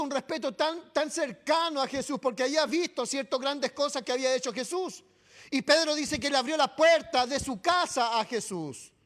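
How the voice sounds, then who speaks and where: Chilean male pastor, very high voice, sermon, keeps checking in with the congregation. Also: fairly bright tone. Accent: Chilean Spanish. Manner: keeps adding "¿cierto?" and "amado" to address the congregation. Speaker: preacher. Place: church.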